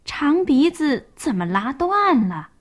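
A woman's voice: sits high, big pitch swings, slow, voice pushed up, exaggerated voice. Woman doing a fretful mother elephant. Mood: worried. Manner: anxious scolding exclaiming. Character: fussy worried mother elephant.

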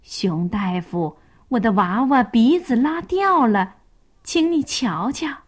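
A woman's voice: fairly high pitch, very animated, takes it slowly, slightly rough, exaggerated voice. A woman voicing a worried mother elephant in a children's story, anxiously scolding.

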